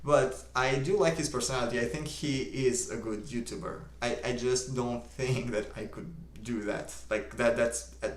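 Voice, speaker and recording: Young romanian guy chatting on a livestream, mild easygoing voice, mid pitch, echoey room. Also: normal speed, few pauses. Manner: reads viewer comments aloud and answers them, calm and mild. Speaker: livestream host. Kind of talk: casual live-stream chat.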